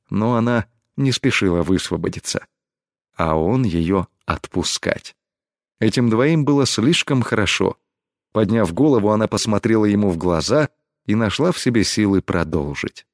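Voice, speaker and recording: A male audiobook narrator reading a romance story in a calm, measured voice. His register sits fairly low, and the dry recording is close to the microphone. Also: no echo. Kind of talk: scripted narration.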